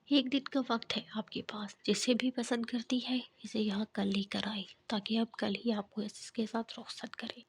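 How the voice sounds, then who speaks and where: A woman's voice: fairly high pitch, fairly even intonation, hardly any pauses, slightly rough. A woman voicing a stern, formal middle-aged mother in a whispered role-play from a novel reading. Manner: commanding, formal.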